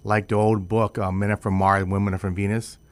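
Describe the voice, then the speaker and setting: A man's voice: fairly low pitch, little pitch movement, a little fast. A man hosting a radio interview, talking earnestly with stumbling restarts. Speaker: radio host.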